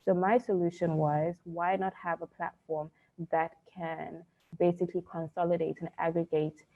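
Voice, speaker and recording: Low flat-voiced woman on a tinny line. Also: gravelly. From South Africa. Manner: measured, businesslike, frequent ums. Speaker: panelist, business founder. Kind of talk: conference panel talk. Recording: tinny phone-like call audio.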